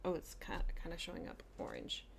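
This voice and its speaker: A flosstube host speaks fairly quickly in a low, creaky voice whose pitch swoops wildly, over slight background noise. Chatting casually about her haul on the craft vlog, she gushes eagerly and often restarts her sentences.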